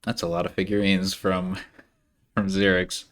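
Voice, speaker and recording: Here a man calls a card game live in a relaxed way, full of animation and fast to jump into squeaky, high-pitched reactions.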